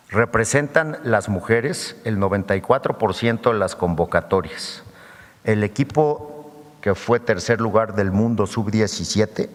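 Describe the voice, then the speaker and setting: A man gives a formal prepared presentation as an official at a press conference, reading figures steadily and calling for the next slide. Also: mid-range voice. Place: government press conference hall. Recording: long reverb of a large hall.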